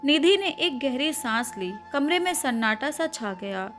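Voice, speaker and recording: A woman narrates a family story in a high voice with a steady, expressive read. She is recorded close on a lapel mic. Soft music plays behind her. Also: measured pace. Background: soft background music.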